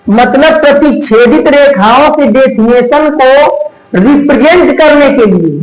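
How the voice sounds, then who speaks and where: Male math teacher, very high voice, quizzing the class and answering himself, echoey classroom. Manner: asks questions then answers them, drawn-out key words. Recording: echoey room.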